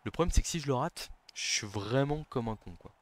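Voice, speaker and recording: Excitable French-speaking man calling his game. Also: medium pitch, fairly quick. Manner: excitable, shouts on big plays, then murmurs tactics. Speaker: gaming commentator. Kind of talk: live game commentary.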